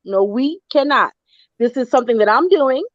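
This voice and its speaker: With a high-pitched, expressive voice at normal speed, a middle-aged Florida writer chats as a guest in a relaxed online interview. She rambles, restarts often, fills pauses and laughs a lot. The audio, from a video call, is dry and dull.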